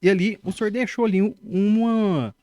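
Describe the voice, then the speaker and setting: A man's voice: sits high, fairly even intonation, normal speed, a little mellow, clean studio sound. A young man hosting a casual interview, echoing his guest's words and framing things in religious terms. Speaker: podcast host.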